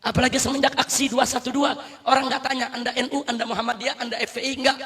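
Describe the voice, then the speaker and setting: An Islamic preacher delivers a fiery sermon at a rally, shouting rousing calls to the crowd and often addressing them as brothers. His voice is very high-pitched and fast, with a level tone.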